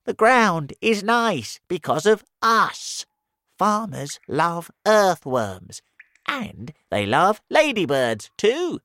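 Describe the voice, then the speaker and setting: A man voicing an indignant, complaining earthworm in a storybook reading, speaking loudly and whinily. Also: high voice, sing-song, slow, no room sound, studio quality, voice pushed up, exaggerated voice.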